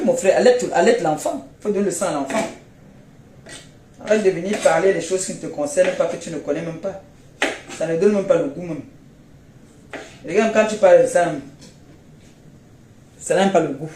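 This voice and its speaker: A woman's voice: fairly low pitch, normal speed, long pauses, warm tone. A Cameroonian woman rants on a phone live stream, mocking and scolding in blunt, repeated jabs. She sounds tired and unwell. The room is echoey, with a faint hiss underneath. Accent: Cameroonian French.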